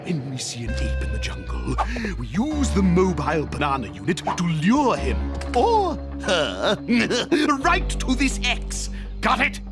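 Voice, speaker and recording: A man voicing a pompous, scheming crocodile king, a blustering comic villain in a cartoon, with theatrical drawn-out words and sudden outbursts over music. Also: high voice, wildly swooping pitch, heavily acted. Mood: commanding. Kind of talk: exaggerated cartoon villain acting.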